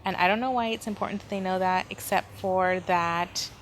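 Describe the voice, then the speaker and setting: Thinking aloud on her solo podcast, a woman speaks informally and rambles. Her voice sits on the low side, a bit bright, with fairly even intonation at normal speed. She records indoors at home near a street, so background noise and room ambience come through.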